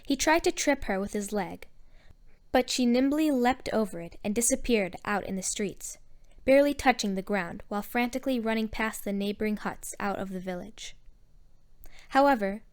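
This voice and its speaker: A woman narrating a story in a measured storytelling manner. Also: mid-range voice. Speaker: audiobook narrator.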